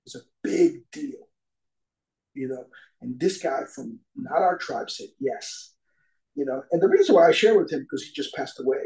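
A man's voice: fairly high pitch, expressive, normal speed, vocal fry, mellow, echoey room, rough recording. A middle-aged man giving a long, rambling personal recovery talk as a guest speaker, peppered with "you know" asides.

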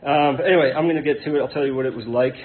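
An AA meeting hears testimony from a thirties-aged American man, raised in Connecticut after being born in Hong Kong to an English identity; he speaks informally, rambling and halting with hesitation. His pitch is medium, and the recording is noisy and tinny, like a phone.

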